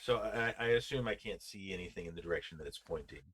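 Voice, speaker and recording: Deep, husky man playing a tabletop game. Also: fast talker, a bit bright. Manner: hesitant, with many fillers and easy laughter. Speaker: player. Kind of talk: casual tabletop game play.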